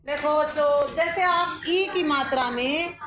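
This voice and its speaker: Woman teacher running a class, very high voice, echoey room, music over it; instructive and corrective. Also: unhurried. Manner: instructive, calls on pupils, praises and corrects. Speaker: schoolteacher.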